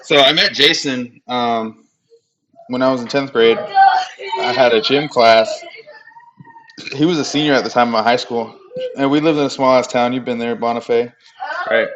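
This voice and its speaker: A young man hosting a casual podcast chat at home, loose, profane and quick to laugh. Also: medium pitch, background noise. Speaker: podcast host. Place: home room.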